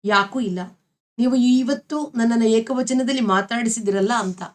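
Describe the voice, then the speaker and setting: A woman's voice: a little high, normal speed, lightly acted. A woman reading a shy young woman in love. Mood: tender.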